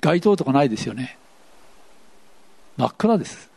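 A man's voice: fairly high pitch, sing-song, normal speed, vocal fry, darkish tone, husky. A man preaching a sermon, playfully asking the congregation questions as he goes. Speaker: pastor. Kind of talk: interactive sermon.

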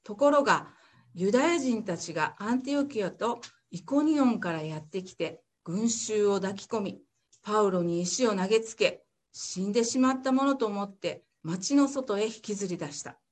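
A woman reading a Bible passage aloud in church, steady and careful, then praying. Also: medium pitch, normal speed. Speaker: scripture reader.

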